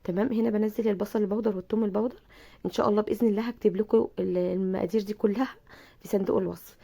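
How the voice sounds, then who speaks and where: A woman with an Egyptian Arabic accent, hoarse from a bad cold, chatting through a cooking tutorial and speaking warmly to her viewers. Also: mid-range voice, steady tone, very fast. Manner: chatty, repeats herself, addresses viewers affectionately. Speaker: cooking channel host.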